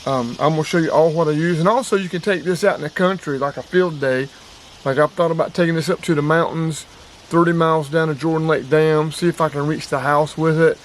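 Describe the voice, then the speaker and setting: Speaking a little fast, this North Carolina man has a voice on the high side with fairly even intonation. He's an outdoors and radio hobby vlogger demonstrating something outdoors in a casual, plain way, with emphatic repetition, and background ambient noise comes through clearly.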